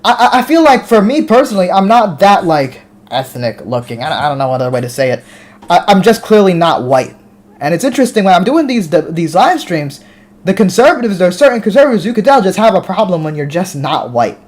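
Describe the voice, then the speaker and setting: A high, sing-song voice, a little fast, comes from an American man hosting a live stream. He reads his viewers' comments aloud and chats back casually, often restarting what he says.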